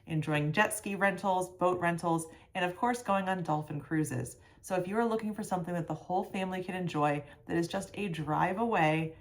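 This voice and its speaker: A woman with a slightly low voice presents a travel recommendation. She speaks in an organized, promotional way, like a travel guide addressing viewers. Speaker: travel vlogger.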